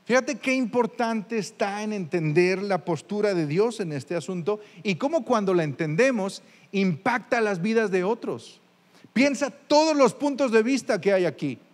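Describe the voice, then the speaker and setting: High-voiced pastor preaching in a hall. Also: male voice, lively intonation, moderate pace. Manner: conversational preaching, addresses listeners directly with questions. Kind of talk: sermon. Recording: long reverb of a large hall.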